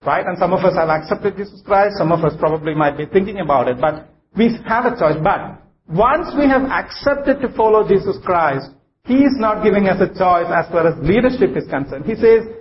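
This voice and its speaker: South Indian man preaching, higher-pitched voice. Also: animated. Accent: South Indian English. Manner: halting, repeats phrases for emphasis. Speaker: guest preacher. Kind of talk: sermon. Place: church service. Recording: muffled, noisy live recording.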